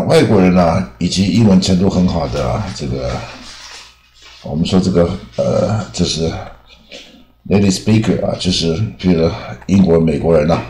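Deep-voiced man teaching English in an echoey room. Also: a little mellow. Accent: Taiwanese Mandarin. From Taiwan. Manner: unhurried, many drawn-out "啊" fillers. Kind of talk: lecture over slides.

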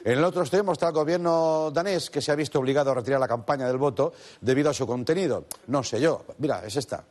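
A man's voice: medium pitch, fast, darkish tone. A man hosting a late-night comedy show, delivering a mocking monologue full of playful asides. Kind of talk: comic monologue. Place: TV studio with a live audience. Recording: studio audience and noise.

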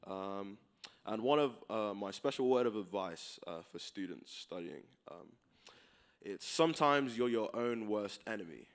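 Low-voiced young man, casual talk. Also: animated, measured pace. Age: young adult. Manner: casual, hesitant, lots of fillers. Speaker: graduating senior speaker. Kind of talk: informal chapel talk.

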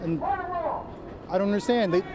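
Hesitant high-voiced man at a protest. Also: very animated, unhurried, a loud crowd. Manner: hesitant, frustrated. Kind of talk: street interview. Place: busy city street outdoors.

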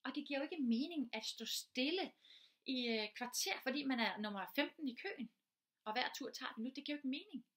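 An earnest woman teacher gives an informal lecture. Her voice sits a little high, and she explains patiently, piling up concrete everyday examples to make each point clear. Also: expressive, fairly bright tone.

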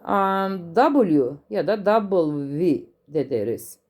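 Slow-speaking Turkish woman teaching English. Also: lowish voice, animated, a little mellow. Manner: slow, stressed English examples, repeated for learners. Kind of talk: explaining English vocabulary in Turkish.

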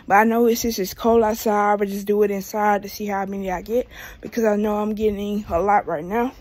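Pacing around a small room in her home, a twenty-two-year-old American vlogger chats in a loose, rambling way into a phone held out at arm's length. Her medium-pitched voice stays steady, moves a bit fast and leans darkish.

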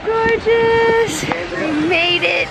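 A woman's voice: very high-pitched, very slow, creaky, loud music behind the voice, poor audio. A woman in her thirties vlogging casually on a road trip, bubbly and exclaiming, filmed at arm's length with a handheld camera. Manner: bubbly, exclaiming, laughing often. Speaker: travel vlogger. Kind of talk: casual vlog narration. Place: van and outdoors in snow by a lake.

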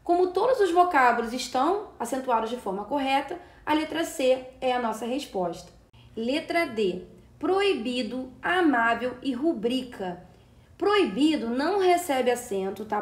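A woman's voice: high-pitched, lively intonation, moderate pace. A Brazilian Portuguese-speaking woman teacher giving an exam-prep lesson, explaining step by step and checking in often with short tag questions. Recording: roomy echo.

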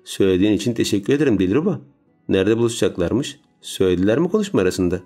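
A man's voice: on the low side, expressive, very fast, warm tone, soft background music. A man voicing a stern, protective young man in an audiobook, speaking firmly. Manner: stern, firm.

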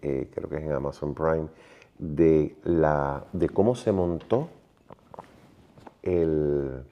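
A man hosting an interview, chatting in a playful, animated storytelling way. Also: rumbling low, slow, muffled recording. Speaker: interview host. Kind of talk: lively conversational interview.

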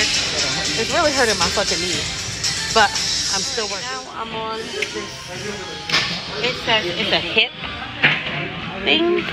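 A woman's voice: on the high side, poor audio. A woman vlogging casually on a handheld phone in a large indoor gym. She is chatty, laughs at herself and swears casually. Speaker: lifestyle vlogger. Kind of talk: casual vlog talk to camera. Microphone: handheld phone close up.

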